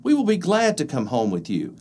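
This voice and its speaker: A bunch of stubborn storybook bees chanting in a high, sing-song voice, as a man puts them on. They sound loud and chirpy. There is a faint hiss in the background. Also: huge pitch swings, a little fast. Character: chorus of stubborn buzzing bees.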